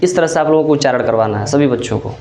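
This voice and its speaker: A man teaching a class, sounding out letters slowly and checking in with listeners after each point. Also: medium pitch, darkish tone, echoey room. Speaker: teacher trainer. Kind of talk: classroom lesson.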